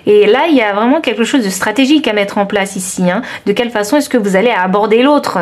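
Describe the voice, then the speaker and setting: Chatty southern French tarot reader woman. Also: fairly high pitch. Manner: thinking aloud, hesitant with frequent fillers. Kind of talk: timeless tarot card reading to viewers.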